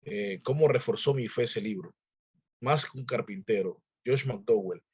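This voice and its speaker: Husky man teaching a church class. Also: mid-range voice, unhurried. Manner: earnest, exhorting listeners directly; conversational preaching.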